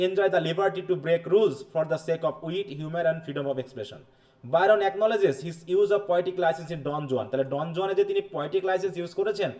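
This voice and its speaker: Male teacher, slightly higher voice, patient lecture delivery with comprehension checks. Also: a little mellow. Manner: explains slowly, reads English passages, checks understanding with questions. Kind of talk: bilingual classroom lecture.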